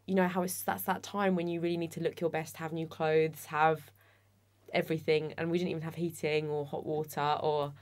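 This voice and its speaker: A young woman chats in a slightly low voice and tells stories with animation. She acts out the people she remembers as she goes, in a loose, casual interview. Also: a little fast. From England. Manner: lively, animated storyteller who acts out quoted voices. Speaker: author and performance poet. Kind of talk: casual storytelling chat.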